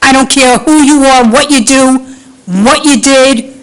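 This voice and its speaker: Slow-spoken indignant woman in her sixties. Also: sits high, steady tone, low-quality recording. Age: 60s. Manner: indignant, pleading, repeats demands. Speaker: resident speaking at public comment. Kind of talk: public comment at a city council meeting. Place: council chamber.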